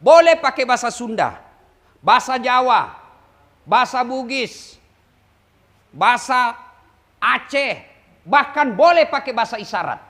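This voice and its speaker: A man preaching a lively, humorous sermon to a large gathering, who jokes and mimics regional ways of speaking. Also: extremely high pitch, a little slow, pauses often. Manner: animated, joking, mimics regional speech. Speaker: Islamic preacher.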